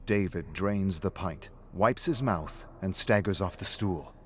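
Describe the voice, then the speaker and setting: A man reading a story aloud on a live stream in a steady, subdued narrating voice. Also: deep voice, a little slow.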